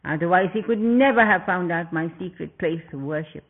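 A man's voice: sits high, moderate pace. A man voicing a furious, arrogant young demon prince who snarls his accusations, heard through tinny, phone-like audio.

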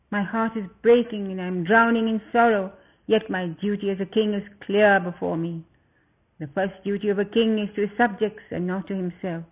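A man voicing a grieving male king who speaks in a stern, drained, commanding way in a told story. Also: high-pitched. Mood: grave. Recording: tinny phone-like sound.

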